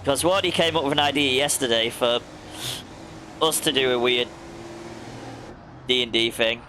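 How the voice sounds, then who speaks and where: A young man is streaming a racing game, chatting casually over a noisy background while laughing often and calling out viewers by name. His voice sits in the mid range and moves at a normal speed.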